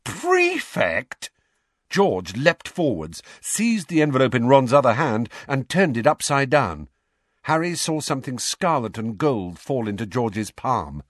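A man narrating an audiobook in a lively, animated storytelling manner. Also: medium pitch, a little slow, dry recording, studio quality. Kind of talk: scripted narration.

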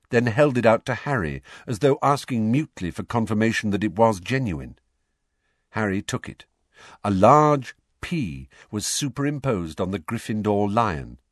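A man narrating an audiobook in a lively, animated storytelling manner. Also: lowish voice, dry recording, clean studio sound. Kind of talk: scripted narration.

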